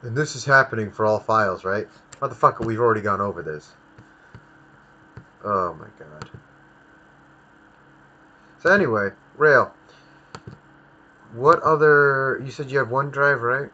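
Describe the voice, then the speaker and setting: A man's voice: medium pitch, measured pace, pauses often, sharp tone, dull audio. A man hosting a casual livestream, ranting with lots of swearing. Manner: profane ranting. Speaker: stream host.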